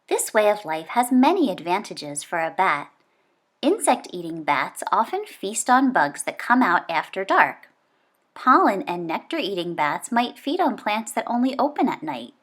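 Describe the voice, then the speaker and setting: A woman with a medium-pitched voice reads a children's nonfiction book aloud. She is expressive and phrases things clearly for young listeners.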